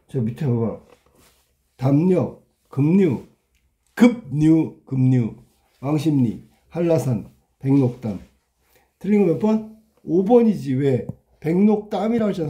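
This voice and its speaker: A man with a very dark, mellow voice teaches in a relaxed, chatty way as he works through test questions. He stretches words out to show how they are pronounced and keeps checking with rhetorical questions. His pitch sits right in the middle. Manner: talkative, sounds words out slowly and repeats them, asks rhetorical questions. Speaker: Korean language teacher. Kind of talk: casual exam walkthrough lesson.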